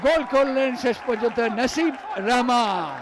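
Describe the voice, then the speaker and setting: A man's voice: very high voice, expressive, normal speed, music in the background. A man giving emphatic live football commentary, exclaiming on shots and goals. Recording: noisy outdoor ground with crowd din. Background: crowd and ambient stadium noise.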